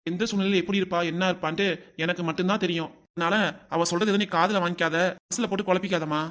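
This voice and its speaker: A man's voice: high voice, steady tone, racing, fairly bright tone. A man voicing a stern older village father-in-law in a cartoon, scolding and lecturing his family.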